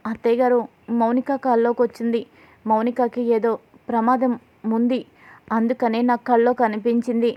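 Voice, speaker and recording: A kind young daughter-in-law from a family drama retelling speaks with worried respect, read out by a woman. Her voice is fairly high and even. The audio sounds slightly dull. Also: moderate pace, pauses often, close to an everyday voice.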